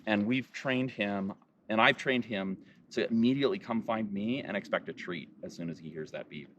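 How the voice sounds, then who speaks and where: A man on his ranch, casually explaining how he trains his dog, with bursts of high praise for the dog. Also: normal speed, fairly bright tone, recorded from a distance, highs cut off, a little hiss or hum. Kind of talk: casual vlog narration and dog commands. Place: outdoors on a ranch.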